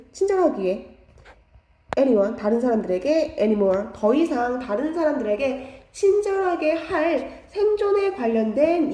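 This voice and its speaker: A woman's voice: a little high, dark tone. Woman teaching grammar in an echoey room. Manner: explains slowly, restating each phrase in simpler words. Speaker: English teacher. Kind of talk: online grammar lecture.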